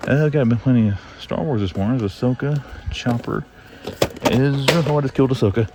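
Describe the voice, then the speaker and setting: Heavy background noise surrounds a brisk, medium-pitched man on a casual walk-through vlog. A middle-aged toy collector with a Southern drawl, he roams the aisles looking for toys, talking to himself in a chatty, rambling way.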